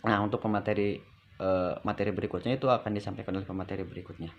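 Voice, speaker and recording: Low-voiced man explaining a lesson. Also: steady tone, racing, dull audio, a little hiss or hum. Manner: conversational explaining with frequent fillers. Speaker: student presenter. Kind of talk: explaining in a class presentation.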